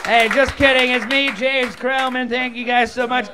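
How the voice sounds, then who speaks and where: A man doing a deadpan stand-up comedy set on a comedy club stage. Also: very high-pitched, normal speed, crowd noise, background noise. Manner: deadpan absurd joke delivery. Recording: live club audience behind.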